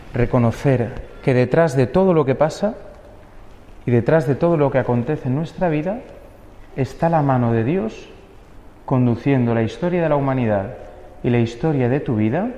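Earnest priest preaching in an echoey church. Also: male voice, medium pitch, mellow, highs cut off. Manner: earnest, with spoken fillers and rhetorical questions. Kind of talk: homily.

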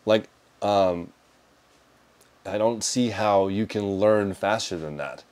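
Speaking slowly in a low, slightly mellow voice, a man from the United States chats casually while answering viewer questions on a livestream for his reselling business. He's practical and conversational, moving his hands as he talks. He sits in an indoor storage room with shelves of boxes, recorded on a clip-on lapel mic.

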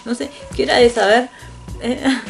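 Woman vlogger, Argentine accent, loose chatty delivery with casual swearing, voice sitting a bit high, faint music underneath. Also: steady tone, moderate pace, gravelly. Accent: Argentine Spanish. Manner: rambling, chatty, swears casually, laughs often. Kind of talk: casual unboxing chat.

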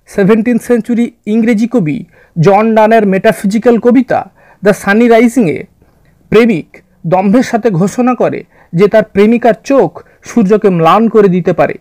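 A man narrating a scripted literature lesson in a measured, orderly way, addressing his students. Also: high-pitched, darkish tone, no room sound. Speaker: literature teacher. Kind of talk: scripted explanatory lecture narration.

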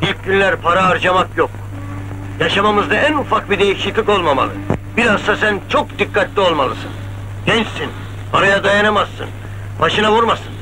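An actor playing a cautious middle-aged crook in a 1970s film drama, instructing in a businesslike way. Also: male voice, sits high, normal speed, close to an everyday voice. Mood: cautioning. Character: cautious middle-aged male crook planning a safe robbery. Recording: noisy old film soundtrack.

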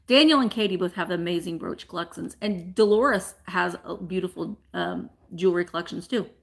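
A woman, chatting bubbly and fast to live viewers from a small room at home. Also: on the low side, creaky. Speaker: vintage reseller host. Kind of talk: casual live-stream chat.

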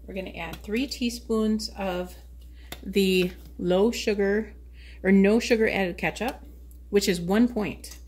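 A woman's voice: medium pitch, steady tone, slow pace, darkish tone. A woman hosting a casual home cooking video, chatting while she works in her kitchen. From United States. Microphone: camera on a tripod. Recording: noisy home kitchen recording.

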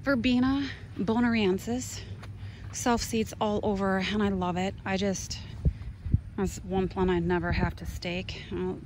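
This woman, a gardening vlogger from Minnesota in the United States, has a mid-range voice with fairly even intonation and talks a little slowly. She rambles casually through a garden tour outdoors, interjecting exclamatory asides. It's a noisy handheld outdoor recording with clear ambient noise behind her.

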